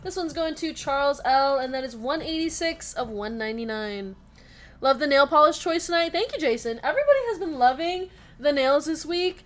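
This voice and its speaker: A woman hosting a live sports card break, chatty and upbeat, reading out names and teams in quick lists and answering viewer comments. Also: high-pitched, lively intonation. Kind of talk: casual live-stream chat while opening card packs.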